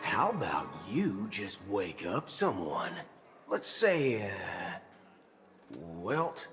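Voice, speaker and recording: A man's voice: lowish voice, wildly swooping pitch, very slow, a bit bright, faint music behind, exaggerated voice. A man playing an impatient, brash cyborg gunslinger in a video game, challenging staff like an entitled customer. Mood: impatient, demanding.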